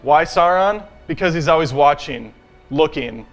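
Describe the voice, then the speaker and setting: A man's voice: fairly high pitch, expressive, a little slow, soft background music. A man making brash, sarcastic arguments in a scripted comedy debate, swearing casually.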